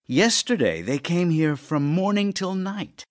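Voicing a witty, weary, affectionate middle-aged playwright in a love-letter audio drama, this male actor sounds a little high, with lively intonation and an unhurried pace. He is dry, teasing, theatrical, and melancholy in manner, while the mood comes across as harried and exasperated.

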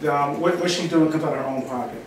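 A man's voice: on the high side, fast. Echoey, distant male pastor. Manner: exhorting, seeking agreement. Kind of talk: informal church talk. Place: small indoor meeting room. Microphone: distant camera microphone. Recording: echoey room, far microphone, clear background noise.

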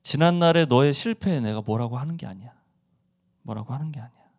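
A male preacher voicing Jesus gently and softly reassuring a disciple who failed him. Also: medium pitch, animated, fast, clear, resonant tone, natural voice. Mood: tender. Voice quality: soft, hushed and tender.

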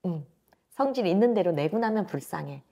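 A woman fortune teller in her thirties reads a client's fate in a blunt, emphatic way. Her voice sits fairly low and carries a gravelly, husky edge. She talks into a lapel mic in a small indoor office. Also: lively intonation, fairly quick, warm tone. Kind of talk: fortune-telling consultation.

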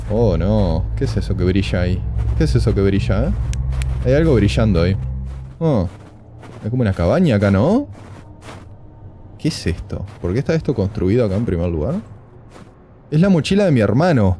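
A man joking and fretting his way through horror game commentary. His voice is mellow and dark at an ordinary pitch. Faint noise sits behind it. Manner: joking, nervous and talkative. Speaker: gaming video creator.

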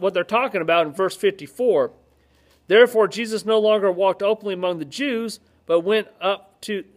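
A man, a pastor teaching from the Bible in a casual, joking way and reading scripture aloud with more emphasis. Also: high voice. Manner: conversational, joking asides, reads scripture aloud with rising emphasis. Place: office-like room with ceiling lights, indoors.

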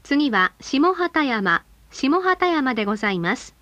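A high-voiced woman reads scripted announcements to bus passengers in a formal, polite, carefully measured manner, yet very animated and with a fairly bright tone. The sound is dry with no room echo, and the high frequencies are cut off.

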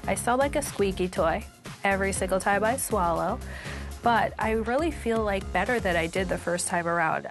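A woman's voice: medium pitch, moderate pace. A young woman speaking earnestly and emotionally in a reality TV confessional. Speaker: patient. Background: background music.

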